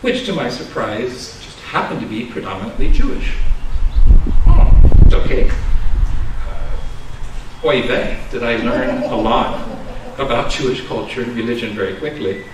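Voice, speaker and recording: Background noise, room echo and a distant mic mark this recording of a dharma talk. The speaker, a Buddhist minister in his sixties from Los Angeles, USA, is conversational and self-deprecating and chuckles often. His voice is medium-pitched with lively intonation and a measured pace.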